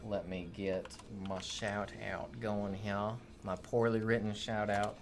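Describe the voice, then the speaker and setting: A man's voice: fairly low pitch, little pitch movement, slow pace. A man co-hosting a gaming livestream, chatting casually and greeting viewers by name, often tripping over how to say them. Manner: upbeat, greets chat by name, stumbles on names. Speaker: streamer co-host.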